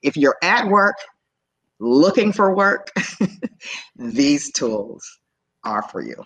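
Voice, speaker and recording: A woman's voice: low-pitched, big pitch swings, extremely slow, a bit bright. A woman guest on an online program, giving an emphatic, rallying motivational talk. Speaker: guest speaker.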